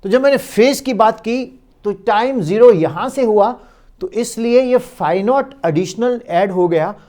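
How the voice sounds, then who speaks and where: A male physics teacher giving a recorded lecture, dictating definitions slowly and mixing Hindi and English. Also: high-pitched, expressive, a little mellow.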